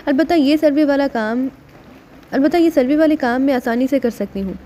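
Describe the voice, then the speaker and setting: A woman voicing a commanding female leader in an audiobook, brisk and in charge. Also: high voice, dark tone, lightly acted. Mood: pleased.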